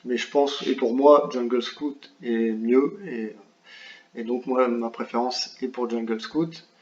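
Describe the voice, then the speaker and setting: A man's voice: medium pitch, fairly even intonation, takes it slowly. Guy doing a screen tutorial, lots of ums and restarts, roomy echoey sound, kinda dull audio. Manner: hesitant, many fillers and restarts; apologetic about his English pronunciation. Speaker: online business tutor. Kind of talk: screen-share software tutorial. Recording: roomy, slightly dull home recording.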